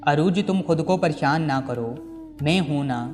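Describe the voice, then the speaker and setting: A man's voice: on the high side, moderate pace, a little mellow, natural voice. A man reading as an earnest young husband. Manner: earnest, pleading. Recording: long reverb with background music.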